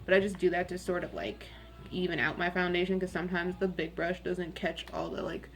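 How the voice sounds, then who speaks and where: A young woman with a raspy voice, chatting candidly and rambling a little as she does her makeup in a get-ready-with-me video at home. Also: lowish voice, brisk. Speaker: beauty vlogger.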